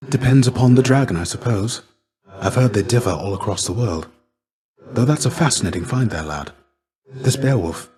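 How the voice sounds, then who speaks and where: Here a middle-aged man acts as a gentle, tired warrior spirit and mentor in a video game, in a natural voice that is deep and soft-edged. His manner is measured, courteous, and formally old-fashioned, and the mood is musing.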